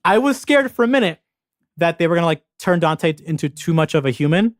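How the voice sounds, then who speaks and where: Young male podcast co-host, excitable, swears a lot, quick delivery. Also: on the high side, no echo, clean studio sound. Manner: excitable, swearing, fast and animated. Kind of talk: casual gaming chat.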